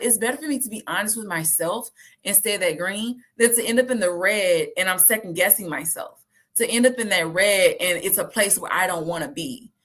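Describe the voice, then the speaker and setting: A woman, talking casually and lively to her viewers and acting out the voices she quotes. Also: mid-range voice. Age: 30s. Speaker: host.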